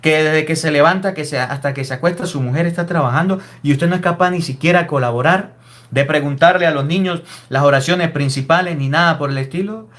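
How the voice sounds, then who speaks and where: High-voiced priest preaching. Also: male voice, a little fast, fairly bright tone. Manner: emphatic, scolding preaching with rhetorical questions. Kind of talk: sermon.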